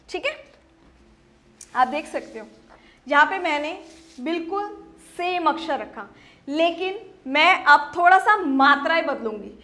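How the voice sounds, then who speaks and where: A woman with a high, light voice teaches young children in an online phonics lesson. She sounds out words slowly, syllable by syllable. She keeps checking in with the class in a patient way. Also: a bit bright. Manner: slow syllable-by-syllable sounding out, repeats "ठीक है"; patient, addresses children as "बेटा".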